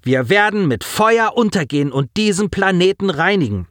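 A man's voice: sits high, animated, moderate pace, a bit bright, no echo, studio quality, voice pushed up. A man voicing a ruthless female starship commander who barks curt orders in an audiobook. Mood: commanding.

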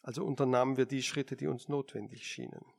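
A man voicing a calm, unyielding male machine intelligence in an audiobook, measured and quietly firm. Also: medium pitch, gravelly, natural voice. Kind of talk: audiobook character reading.

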